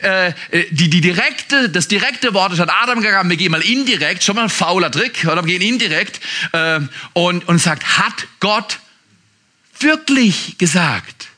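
Preaching in a conversational style, this man, a pastor, questions his audience directly and alternates between forceful bursts and hushed asides. His voice sits high and moves a little fast.

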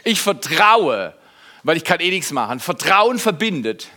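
Animated German man preaching a story. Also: fairly high pitch, a little slow. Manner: animated storytelling, swings from loud to hushed; addresses listener directly. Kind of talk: sermon with personal anecdote.

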